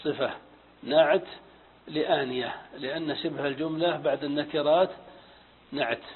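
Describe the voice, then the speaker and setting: A man's voice: on the high side, steady tone, normal speed, a little hiss or hum. A man teaching Arabic grammar in a methodical lecture, asking and answering his own questions and repeating key terms. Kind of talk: classroom lecture on morphology and syntax. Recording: phone-like audio with long hall reverb.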